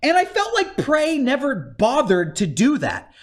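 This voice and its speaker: A man in casual podcast chat giving a game review, animated and swearing freely. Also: extremely high pitch, a little slow, slight background noise. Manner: animated, swearing, acts out scenes in mock voices.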